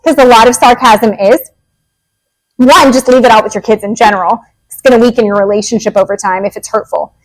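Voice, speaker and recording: A woman's voice: sits high, low-quality recording. A woman behavior analyst giving a casual, joking, direct talk on parenting.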